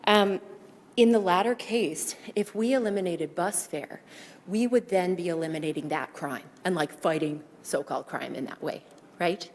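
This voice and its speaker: A woman's voice: on the low side, normal speed, darkish tone. A woman psychiatrist giving public testimony at a budget hearing, out of breath and talking in an earnest, explanatory way. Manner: earnest, explanatory, thinking aloud. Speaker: psychiatrist speaking as public delegate. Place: large council chamber. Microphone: podium microphone. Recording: long reverb of a council chamber, faint room hum.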